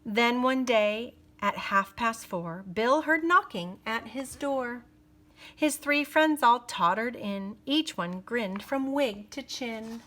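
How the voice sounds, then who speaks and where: This fairly high-pitched woman narrates a children's picture book with expressive, deliberate pacing. There's slight noise in the background.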